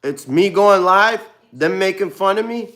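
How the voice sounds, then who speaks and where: A man in his thirties with a Brooklyn, New York accent talks through a casual live stream. His voice sits a little high, and his delivery is loose and rambling, with "bro" dropped into nearly every sentence. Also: animated, a little slow, a bit bright. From born in Ukraine, raised in Brooklyn, New York. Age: 30s. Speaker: livestreamer answering chat.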